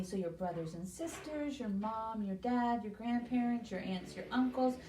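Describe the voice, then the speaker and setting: A woman leads a library children's story time, offering young kids simple, encouraging instructions and questions. Her voice is fairly high in pitch yet dark in tone, picked up by a distant microphone with roomy echo and slight background noise.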